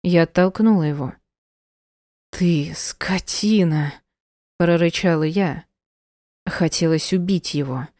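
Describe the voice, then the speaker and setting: A woman's voice: fairly low pitch, normal speed, dark tone, no echo, clean studio sound. A woman narrating an audiobook in the first person, reading with strong emotion.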